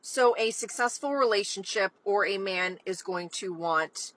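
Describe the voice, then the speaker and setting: A woman giving confident dating advice in a measured monologue, explaining her points step by step. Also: mid-range voice, a bit bright.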